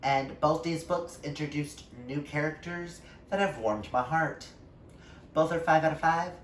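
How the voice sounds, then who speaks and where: On a vlog, a book reviewer chats casually with viewers, gushing emphatically about books. His voice sits fairly high and he speaks at a measured pace, but he's far from the mic in an echoey room with faint background noise.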